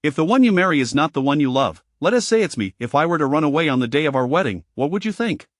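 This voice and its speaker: A man voicing a spirited, sharp-tongued young noblewoman who teases and probes. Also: on the high side, expressive, fast talker, dry recording, studio quality, close to an everyday voice. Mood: probing. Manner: teasing, probing.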